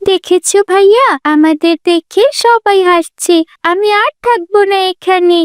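A woman voicing a small, poor girl in an animated cartoon, speaking in a pleading, hurt way. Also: extremely high pitch, unhurried, no echo, studio quality, pitched above the performer's own voice.

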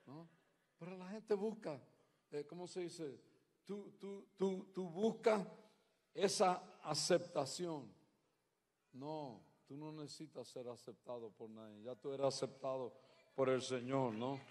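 High-pitched preacher man in a reverberant hall. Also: slow. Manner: swings from loud preaching to quiet storytelling. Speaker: pastor. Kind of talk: sermon with stories. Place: large church hall.

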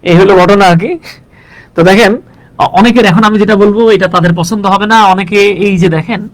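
A man's voice: sits high, steady tone, fast talker, poor audio. A man from Bangladesh giving a chatty live English lesson, teaching in Bengali and calling viewers brother.

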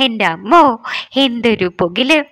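Woman reading as a playful young woman, high voice, bright tone, teasing, blunt, dry close sound. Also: animated, unhurried, no room sound, full character voice. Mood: chatty. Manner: teasing, blunt, sulky banter. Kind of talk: storytelling with voiced dialogue.

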